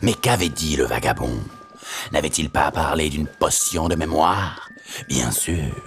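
A man's voice: rumbling low, expressive, unhurried, faint music behind. A man narrating a spooky tale in a suspenseful, theatrical storytelling style.

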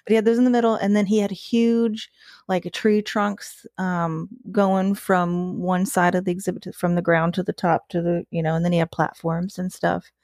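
A woman's voice: fairly low pitch, little pitch movement, a little mellow, no room sound, clean studio sound. Blunt, laughing woman zookeeper. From Florida. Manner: blunt and profane, with halting restarts and frequent laughter. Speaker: former zookeeper guest. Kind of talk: casual chat.

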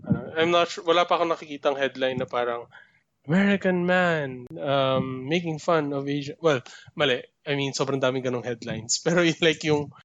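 A man's voice: mid-range voice, a little fast, a bit bright, no room sound, highs cut off. A man with a Filipino accent co-hosting a casual podcast, asking questions and mixing Tagalog and English. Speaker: podcast co-host.

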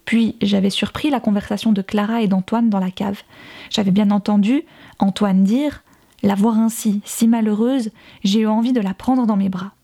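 A woman narrating a novel in the first person, in a measured, even storytelling manner. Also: medium pitch. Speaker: audiobook narrator.

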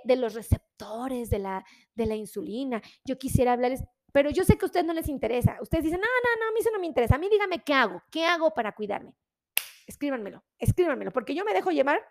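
A high-pitched woman, a doctor talking casually to viewers on a live stream. She is animated and pleading, and she says her requests over and over. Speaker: doctor giving health talks on a live stream.

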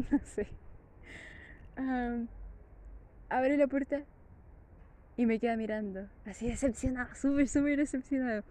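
A woman with a Chilean accent casually telling a story to camera, laughing often in a lively, chatty way. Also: high voice. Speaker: vlogger.

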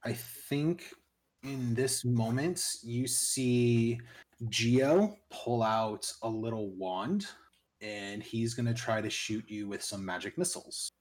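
A man's voice: medium pitch, expressive, slow pace. A man running a tabletop game as game master, narrating in a casual way and prompting the players with questions.

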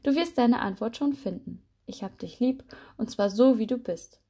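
A woman voicing a loving mother spider in a storybook, speaking affectionately and a little quicker and higher. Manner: affectionate, lively.

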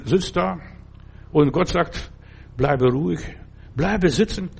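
An older man preaching a sermon, repeating his exhortations earnestly and dropping at times to a soft, slow, reassuring tone. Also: on the high side, creaky, breathy edge.

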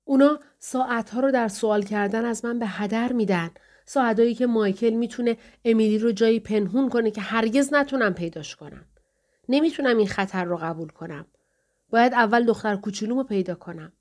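A woman's voice: on the high side, darkish tone, natural voice. Give me a desperate young mother from an audiobook, urgent and pleading, read by a woman.

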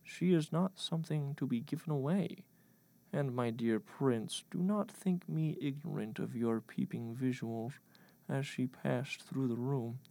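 A man's voice: medium pitch, gravelly, warm tone, dry recording. Man doing a stately, scolding president. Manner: slow, formal and scolding. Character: indignant stately male president, middle-aged.

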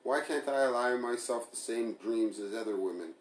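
A man's voice: mid-range voice, normal speed, natural voice. A man voicing a hurt, sarcastic young woman who confronts her partner, speaking in a pleading, bitter way. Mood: hurt, pressing. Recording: roomy echo.

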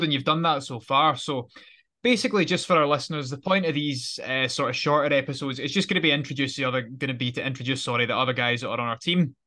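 British guy hosting a footy podcast, bright clear-cut tone, chatty and rambly. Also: medium pitch. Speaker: podcast host. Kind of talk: casual football podcast chat.

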